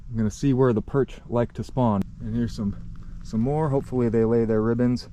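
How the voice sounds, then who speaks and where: A man's voice: medium pitch, fairly even intonation, brisk, dark tone, slight background noise. Breathless man rambling outdoors. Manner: rambling, self-correcting, offhand. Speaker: channel host. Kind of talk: casual outdoor walkthrough. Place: outdoors by a pond.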